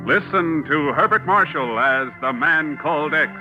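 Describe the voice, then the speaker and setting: A man's voice: a little high, expressive, a little slow. A man announcing a 1950s radio drama with a grand, portentous delivery. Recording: lo-fi old radio broadcast with organ music.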